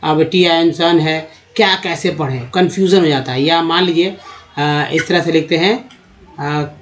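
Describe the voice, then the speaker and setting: Man teaching English spelling. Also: a little high. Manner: addresses viewers as friends, spells words letter by letter, halting with fillers. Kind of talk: explanatory lesson.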